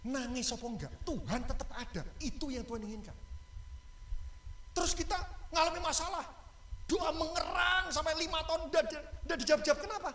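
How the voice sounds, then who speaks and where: A male pastor, preaching a lively sermon and joking with the congregation and asking them questions. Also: extremely high pitch, a little fast, a little hiss or hum. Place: church. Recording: echoey church hall.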